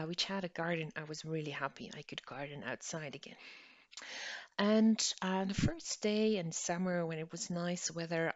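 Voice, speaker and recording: Woman from northern Belgium, educational talk, lower voice, dry muffled recording, acts out dialogue in story. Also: no room sound. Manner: storytelling, acts out dialogue with lively pitch jumps. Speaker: lecturer.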